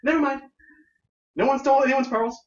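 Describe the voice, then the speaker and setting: A man's voice: extremely high pitch, fairly quick, voice pushed up. A man doing a bubbly chatty gnome woman. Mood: excited. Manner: gushing, then flat monotone when reluctant. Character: excitable chatty female gnome, tactless. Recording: echoey room, distant mic, dull sound.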